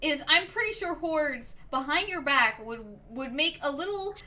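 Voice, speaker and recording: A woman with a high, bright voice that jumps around a lot, giggling through playful banter. She is a game writer chatting casually on a live stream. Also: lively intonation, moderate pace. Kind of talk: casual group chat.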